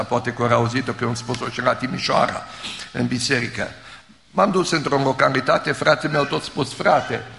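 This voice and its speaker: A pastor, telling stories in a fervent sermon that swings from soaring highs to hushed lows. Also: male voice, vocal fry. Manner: fervent storytelling preacher, rising to high emotional peaks and dropping low. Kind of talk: sermon storytelling. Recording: reverberant hall.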